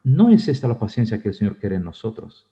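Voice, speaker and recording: A man's voice: fairly low pitch, big pitch swings, fast, muffled recording. A man who is a pastor, preaching a sermon in a conversational, storytelling way and laughing often.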